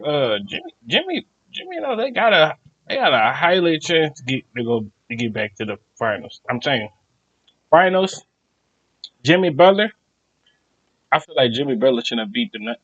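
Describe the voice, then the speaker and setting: A man's voice: mid-range voice, sing-song, normal speed, fairly bright tone, no room sound, highs cut off. Man as reaction video host, loose slangy fan chat, very little room sound.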